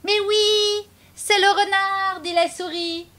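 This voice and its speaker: A woman voicing a small, clever, boastful mouse in a children's storybook reading, with a bright, teasing voice. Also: fairly even intonation, takes it slowly, full character voice. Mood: cheeky. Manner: bright, teasing, high and bouncy.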